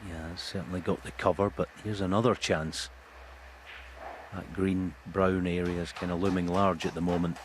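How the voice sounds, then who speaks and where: A man's voice: low-pitched, little pitch movement, moderate pace, a little hiss or hum, low-quality recording. A man giving conversational, analytical snooker commentary as a co-commentator, informal and matter-of-fact.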